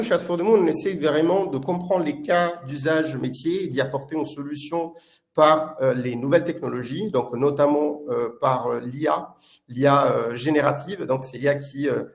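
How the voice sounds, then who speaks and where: Fairly high in pitch with a darkish tone, this Italian product manager presents a live webinar. He speaks with an Italian accent and hesitates often, filling gaps with filler sounds.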